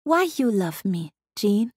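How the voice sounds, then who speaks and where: A woman voicing a tiny, delicate young woman speaks softly in a lilting accent. She asks her questions with shy innocence. The audiobook voice is dry and close. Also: medium pitch, very animated, takes it slowly, breathy edge, dry recording, voice pushed up, full character voice. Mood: innocent.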